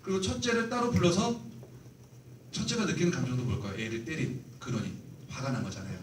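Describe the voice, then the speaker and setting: A man's voice: on the high side, fast talker, a little hiss or hum. A man lecturing church youth leaders in a church meeting room, earnest and explanatory, acting out examples as he goes. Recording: roomy hall, mic far off.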